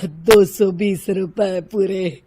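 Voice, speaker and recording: A woman voicing a poor, humble male vegetable seller in a cartoon, who pleads slowly. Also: medium pitch, steady tone, dark tone, slightly rough. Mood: pleading. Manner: slow and pleading.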